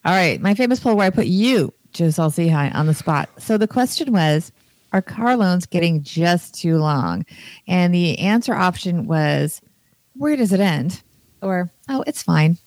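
A woman co-hosts a personal finance chat with a frank, lightly sarcastic manner. Her voice sits a little low and sounds dry and close to the mic. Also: lively intonation, a little slow, darkish tone, no echo. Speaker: podcast co-host. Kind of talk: casual chat.

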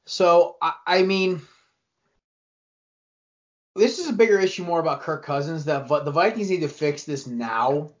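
A young man on a sports podcast rambles through his takes, restarting sentences and getting worked up. His voice sits a bit high for a man. The recording sounds dull and lo-fi. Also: measured pace, long pauses. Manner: rambling, restarts often, animated opinions. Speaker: podcast co-host. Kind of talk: casual sports chat.

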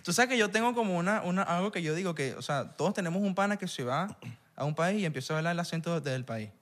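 A man's voice: high voice, fast talker. A young man from Venezuela with a Venezuelan accent, chatting casually as a guest and mimicking accents as he tells stories. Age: young adult. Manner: animated storyteller who mimics other accents. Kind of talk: casual chat.

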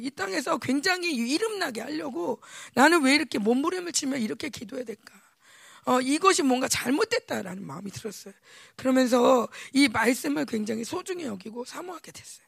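Woman preacher, middle-aged, bright and sharp in a dry, close sound, fervent sermon delivery. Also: sits high, creaky, husky, dry recording. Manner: impassioned, shifting between loud pleading and hushed whispers. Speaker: pastor's wife preaching.

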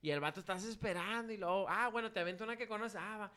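A Mexican man co-hosting a podcast in loose, slangy chat. His voice sits high and bright, and he tells stories with animated bits of song. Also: fast. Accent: Mexican Spanish. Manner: slangy, animated storytelling, sings bits of songs. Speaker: podcast co-host. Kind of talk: casual chat.

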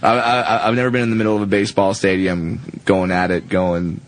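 A man, a stand-up comedian, chatting as a guest on a podcast, self-mocking and quick to slip into voices. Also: deep voice, little pitch movement, a little hiss or hum. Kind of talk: casual podcast chat.

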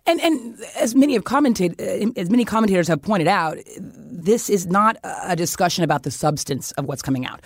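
A news anchor in a measured tone, with frequent fillers, setting up questions for an analyst. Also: mid-range voice, animated, no room sound, studio quality. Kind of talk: cable news hosting.

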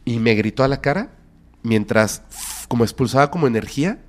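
A man with a Mexican accent, a podcast guest telling a frightening story with dramatic whispers and sudden loud bursts. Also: medium pitch, lively intonation, a little fast.

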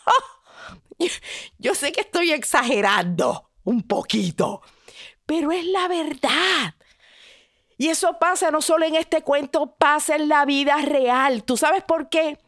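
A woman hosts a love advice show, telling a story with dramatic expression and speaking straight to the listener. Her voice sits fairly high. The recording is close and dry. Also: a little slow, fairly bright tone, dry recording. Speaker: love advice podcast host.

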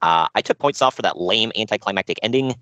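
A man's voice: on the low side, lively intonation, fast, a bit bright, no echo. A man co-hosting a podcast, recapping a show with dry sarcasm and frequent laughs. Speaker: podcast co-host. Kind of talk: casual chat.

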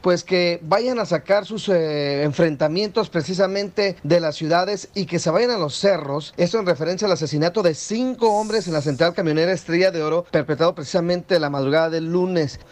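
A man delivering a news report on a radio show, with brisk, emphatic delivery. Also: high voice.

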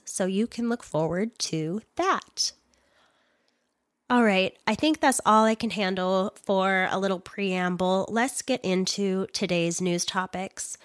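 A woman's voice: medium pitch, no room sound, clean studio sound. A woman hosting a solo news commentary podcast, speaking bluntly and indignantly, with swearing and sarcastic asides. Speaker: podcast host.

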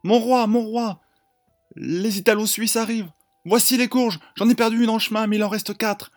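A man's voice: high voice, steady tone, normal speed, no room sound, studio quality, faint music behind, voice pushed up, close to an everyday voice. A man voicing a frantic young male peasant pleading with his king in a storytelling podcast. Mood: panicked.

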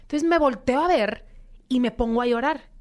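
A woman's voice: sits high, moderate pace. A young woman, a podcast guest telling her story and acting out quoted dialogue. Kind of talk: interview storytelling.

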